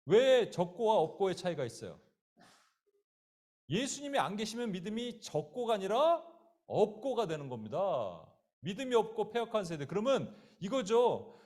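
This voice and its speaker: A man's voice: high-pitched, big pitch swings, moderate pace, a little mellow. A man preaching a sermon as pastor, telling stories vividly and acting out voices in the quotes, speaking straight to his listeners. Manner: direct, addresses listeners and a child by name.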